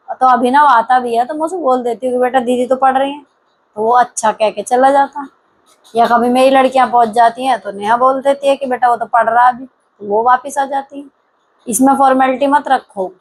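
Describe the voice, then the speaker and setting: A middle-aged woman with a voice a little on the high side, talking through viewer comments like a host. She gives advice in a frank, no-nonsense way, talking straight to the listener and slipping English words into her sentences. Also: low-quality recording. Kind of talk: casual advice chat.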